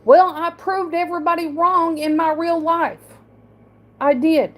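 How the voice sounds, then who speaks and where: A woman livestreaming an emotional monologue. She speaks defensively and haltingly, with a slight speech impediment, repeating and restarting words. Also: very high-pitched, fairly even intonation, fairly bright tone.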